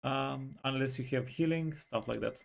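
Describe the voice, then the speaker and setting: A man explaining game tactics in a casual, step-by-step way, with frequent pauses to think. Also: mid-range voice, creaky. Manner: explanatory, hesitant fillers, walks through tactics step by step. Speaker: co-host giving gameplay tips. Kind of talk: casual gameplay coaching.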